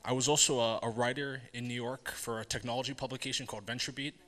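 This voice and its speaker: A man giving a live conference talk, earnest and halting, with many fillers and restarts. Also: medium pitch, fairly even intonation, fairly bright tone. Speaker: conference speaker. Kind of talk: live presentation to an audience. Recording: hall reverb.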